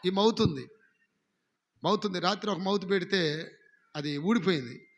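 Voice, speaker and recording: A man's voice: sits high, moderate pace. A man from India with an Andhra Telugu accent, a pastor preaching a sermon and urging the congregation to repeat phrases after him. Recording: live sermon with long hall reverb.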